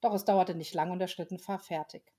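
A woman's voice: on the low side, fairly quick. Woman reading a children's story aloud. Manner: relaxed, with small slips and restarts.

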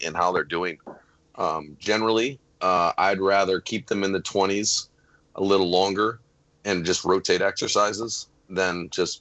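A man's voice: sits low, a bit bright, no echo. A man who says he is losing his voice, talking loosely as a strength coach on a podcast panel, with many fillers. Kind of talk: casual panel discussion.

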